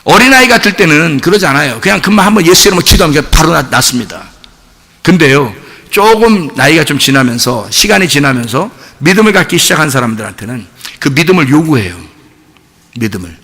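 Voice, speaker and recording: A male pastor preaching a Sunday sermon, firing questions at the congregation and swinging from shouts to hushed tones. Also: on the high side, sing-song, quick pace.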